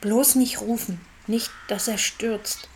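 A woman's voice: a little high, slow. An actress playing a resolute, practical woman in a radio drama, recorded from a distance with echo. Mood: urgent, decided. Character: resolute, practical woman trying to coax a man down. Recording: echoey, distant, clear background noise.

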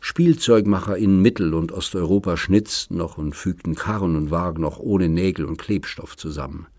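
A man narrating an audiobook in a calm, even storytelling manner. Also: deep voice, normal speed, no room sound, clean studio sound. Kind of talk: scripted narration.

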